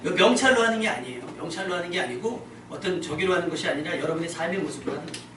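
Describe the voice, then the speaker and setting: A man's voice: on the high side, fairly bright tone. Joking male pastor in an echoey church. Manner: joking, conversational, calls for congregation responses. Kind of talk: sermon. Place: church sanctuary. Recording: echoey church from far off, with noise.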